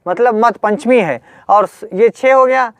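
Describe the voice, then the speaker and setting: A man's voice: very high-pitched, a little slow, fairly bright tone, no echo. A man teaching a Sanskrit grammar lesson, drilling word forms in a sing-song chant for students to repeat. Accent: Hindi. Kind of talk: online grammar lesson, call and response drilling.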